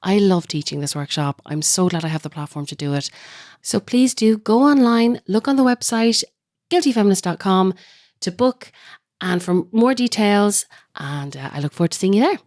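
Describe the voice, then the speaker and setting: A woman's voice: mid-range voice, animated, normal speed, darkish tone, no echo, studio quality. A woman hosting a podcast, reading an enthusiastic promotional announcement for workshops. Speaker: podcast host.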